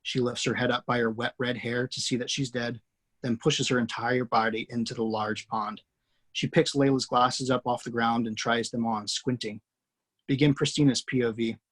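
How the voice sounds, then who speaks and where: Over a video call, a screenwriter hosting a table read reads scene directions aloud before shifting into casual chat. His slightly husky voice sits at an ordinary middle pitch, plain and steady in tone at a moderate pace, heard through the video call mic.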